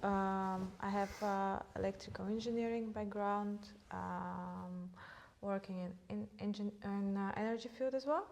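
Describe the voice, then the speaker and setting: A woman's voice: mid-range voice, steady tone, unhurried, gravelly, darkish tone. Woman in her thirties, hesitant. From Bulgaria. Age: 30s. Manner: hesitant, many fillers. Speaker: podcast co-host. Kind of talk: casual chat.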